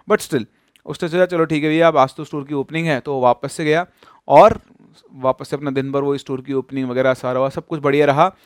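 Male storyteller from rajasthan, dramatic spooky telling, bit high voice, dry close sound. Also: no echo. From Rajasthan, India. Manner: animated, dramatic, addresses listeners directly. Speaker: storyteller host.

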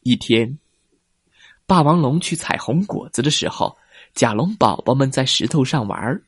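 A man reading a children's story aloud with gentle, expressive storytelling. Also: mid-range voice, normal speed, breathy edge, no room sound, studio quality.

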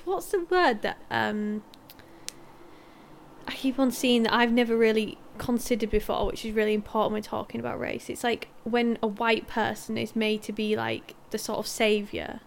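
A woman's voice: a little high, steady tone, normal speed, a little hiss or hum. A young woman chatting casually about shows and books, in a playful, wry way.

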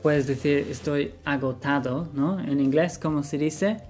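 A man's voice: fairly high pitch, steady tone, a little slow, darkish tone, soft background music. A man teaching vocabulary, patiently repeating each word for practice. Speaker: English teacher. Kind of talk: bilingual vocabulary lesson.

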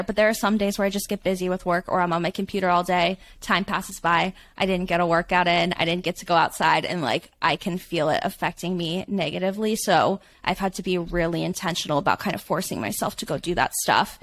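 A woman's voice: fairly low pitch, a little fast, few pauses. A woman in her twenties co-hosting a podcast, talking in a chatty, upbeat way with lots of filler words. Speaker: podcast co-host. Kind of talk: casual chat.

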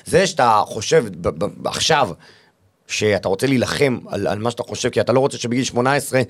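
A man's voice: medium pitch, animated. A young man, a comedian guest, chatting casually on a podcast, joking and mock-boastful. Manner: joking, mock-boastful, drops into goofy accent impressions.

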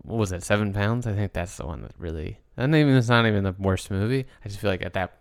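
A man's voice: lowish voice, fast, no echo, studio quality. A man co-hosting a podcast, chatting casually about movies and acting out people's reactions. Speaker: podcast co-host.

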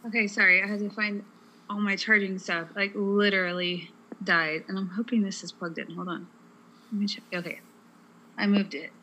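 A woman's voice: mid-range voice, flat delivery, normal speed, sharp tone, a little hiss or hum, poor audio. A woman co-hosting a casual podcast, explaining at length in a chatty way with lots of fillers. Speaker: podcast co-host. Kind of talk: casual chat.

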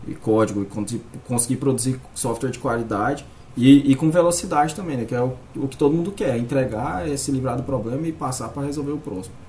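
A man with a Brazilian accent discussing casually, halting often and peppering his explanations with tag words. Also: mid-range voice, mellow. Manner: halting, filler-heavy explaining with frequent "né" and "tipo". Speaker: podcast guest. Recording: faint background noise.

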